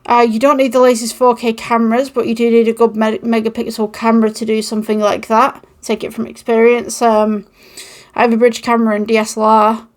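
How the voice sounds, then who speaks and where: Using an old microphone with a phone, a British channel host with a mixed, Manchester-tinged northern English accent chats to camera in a casual podcast way. Her pitch is fairly high with little movement, her pace fairly quick, and her manner rambling and encouraging, with frequent ums.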